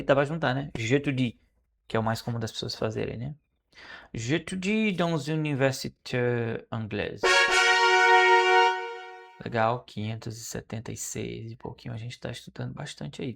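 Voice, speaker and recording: A Brazilian Portuguese speaking man studying French aloud, repeating phrases slowly and correcting himself as he goes. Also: medium pitch, creaky. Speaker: language learner streaming his study. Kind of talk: casual study vlog, thinking aloud.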